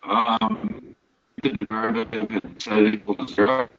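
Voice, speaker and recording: A man's voice: fairly low pitch, fairly even intonation, fairly bright tone, dry recording, highs cut off. A man speaking as a student in an online tutoring session, hesitant and unsure, his voice coming through choppy, breaking-up call audio. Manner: hesitant, unsure, many pauses. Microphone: video call.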